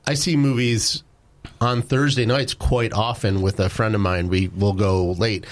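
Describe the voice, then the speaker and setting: A man's voice: on the low side, fairly even intonation, a little slow. A man co-hosting a podcast, chatting casually and bluntly, with frequent restarts. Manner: blunt, confident, many restarts. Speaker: podcast co-host. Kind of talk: casual chat.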